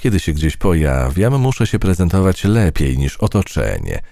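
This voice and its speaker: A man's voice: deep voice, very animated, vocal fry, mellow, no echo, studio quality, exaggerated voice. A man putting on a haughty butterfly princess. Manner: slow, drawn-out and pompous. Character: vain butterfly princess, female, haughty and self-admiring.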